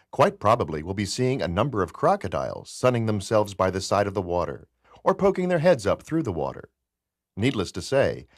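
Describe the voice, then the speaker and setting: A measured tour guide. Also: male voice, lowish voice, no room sound, clean studio sound. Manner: clear, measured, explanatory. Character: adult male tour guide addressing a group. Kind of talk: scripted test recording.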